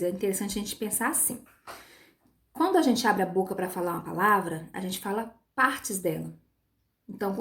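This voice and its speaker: A woman's voice: medium pitch, gravelly. Patient woman teacher, stretching syllables. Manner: frequent tag questions to pupils. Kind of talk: recorded online lesson.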